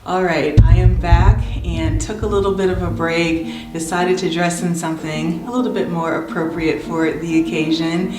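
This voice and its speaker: A woman's voice: on the low side, steady tone, normal speed, hardly any pauses, roomy sound, over music. A woman hosting a home DIY vlog, talking casually and chattily straight to her viewers as she explains things. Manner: chatty, addresses viewers directly. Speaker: DIY home makeover channel host.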